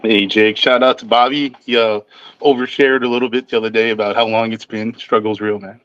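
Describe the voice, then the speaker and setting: A man's voice: on the low side, steady tone, fairly quick, fairly bright tone, smooth, no room sound. A man calling in to a sports show for casual fan chat. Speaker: caller. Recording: dull band-limited phone-in line.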